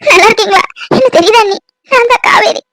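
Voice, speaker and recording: Cartoon casting: a woman voicing a tearful, pleading daughter back after years away, very high and sobbing. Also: fast talker, fairly bright tone, no room sound. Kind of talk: cartoon voice acting.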